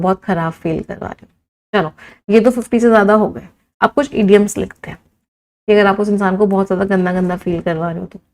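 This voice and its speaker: A young Indian woman teaching English vocabulary in an online class. She reels off lists of synonyms and slows down to dictate idioms. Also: mid-range voice. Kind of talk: live online vocabulary lesson.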